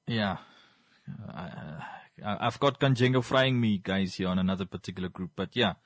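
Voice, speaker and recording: A man with a Namibian accent giving informal, explanatory commentary on world affairs in wordy, halting phrases, often repeating himself for emphasis. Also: low voice, dry recording.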